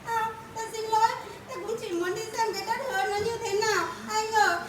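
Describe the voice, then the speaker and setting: A woman acting out an earnest village wife who pleads for her place at home. Her voice is very high and quick. It is heard from a distant mic in an echoey room. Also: fairly even intonation. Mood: pleading. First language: Hmong. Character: poor village wife, pleading then defiant. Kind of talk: amateur skit acting.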